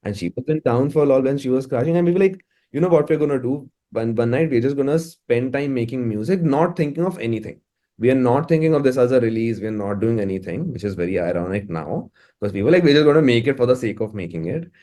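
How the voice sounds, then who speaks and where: A fast-talking man with an Indian accent and a warm, medium-pitched voice chats casually in a musician's interview, his intonation lively. He's informal, often repeating words in a stammering way as he thinks.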